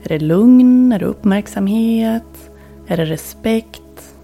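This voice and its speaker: Woman podcast host, gravelly fry, soft reflective coaching tone. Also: medium pitch, faint music behind. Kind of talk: calm instructive podcast talk.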